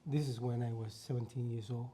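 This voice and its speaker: A Vietnamese man in his fifties, speaking with a Vietnamese accent, earnestly tells his life story as a guest in casual conversation, repeating phrases as he recalls things. His mid-range voice has a dark tone and fairly even intonation, moving at a fairly quick pace over slight background noise.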